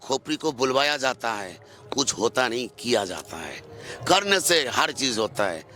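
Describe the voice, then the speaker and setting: Blunt low-voiced tantric speaker, faint music. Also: big pitch swings, a little slow, pushed and bright. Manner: blunt, repetitive, plain-spoken; talks in short assertive statements, often says "ji ji". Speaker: tantric interviewee. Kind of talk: casual spoken answers.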